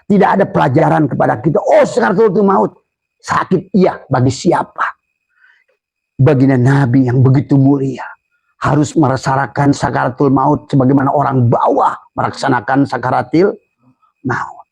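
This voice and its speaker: Gravelly older man preaching a sermon. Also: no room sound. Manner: animated, shifts into loud high voices for quoted speech. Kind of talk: Sufi sermon.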